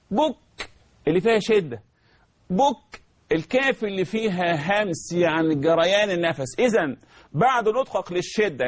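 A man with an Egyptian accent teaching Quran recitation, drawing words out slowly and repeating sounds for students to copy. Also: high-pitched. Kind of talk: tajweed lesson with recited verses.

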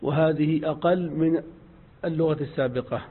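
Male grammar teacher, slightly high voice, patient and repetitive delivery, tinny phone-like sound. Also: fairly even intonation, husky. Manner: slow, drawn-out repetition of examples. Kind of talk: grammar lesson.

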